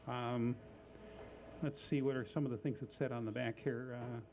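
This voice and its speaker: A man hosting a live coffee house show, casual and halting, with lots of fillers and dry little jokes. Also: medium pitch, fairly even intonation, dull audio, noisy background. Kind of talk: casual live emcee patter.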